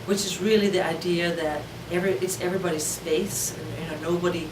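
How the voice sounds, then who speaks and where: A woman's voice: lowish voice, fairly even intonation, fairly quick. A woman from Denmark, speaking reflectively as an organization leader in a corporate video interview. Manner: reflective, with frequent fillers. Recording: roomy, distant mic, background noise.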